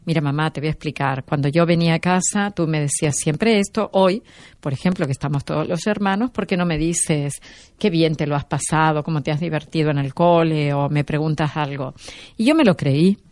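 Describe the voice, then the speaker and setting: Woman guest on a talk show, low voice, dry sound, tells stories and does the voices. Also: no room sound. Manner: animated, acts out quoted dialogue. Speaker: guest expert. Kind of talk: conversational storytelling.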